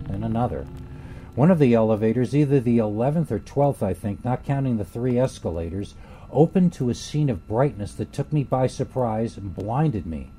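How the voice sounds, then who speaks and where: Man with a very dark narrating voice. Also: medium pitch, slight background noise. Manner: slow, grave, deliberate storytelling. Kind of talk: first-person horror story narration.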